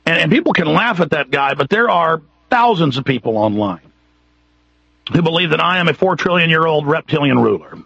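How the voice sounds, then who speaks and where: This Texan radio host has a fairly high, gravelly voice, a bit bright with a breathy edge, and he talks briskly and expressively. His talk show monologue is impassioned and emphatic, circling back to the same points as the intensity climbs. The broadcast is muffled, with no room sound.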